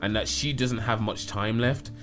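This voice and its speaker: A man casually recapping episodes of a show, slipping into quick voices for the characters' lines. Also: lowish voice, steady tone, fairly bright tone, soft background music. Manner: slangy storytelling, acts out characters' lines. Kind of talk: casual chat.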